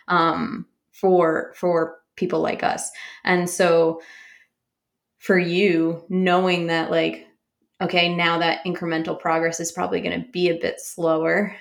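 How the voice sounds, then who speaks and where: Young female podcast host; low, flat and gravelly, chatty and rambling. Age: young adult. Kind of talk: casual interview chat.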